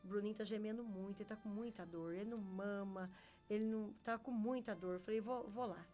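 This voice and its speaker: A woman's voice: medium pitch, fast, mellow. A middle-aged Brazilian woman giving a faith testimony as an interview guest. She tells her story earnestly and acts out what each person said. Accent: Brazilian Portuguese. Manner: earnest storyteller who acts out quoted dialogue.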